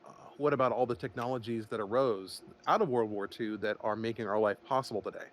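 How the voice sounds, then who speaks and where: A man's voice: fairly low pitch, quick pace, slight background noise. A man hosting a casual podcast stream, rambling, laughing often and restarting his sentences. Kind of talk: casual group chat on a stream.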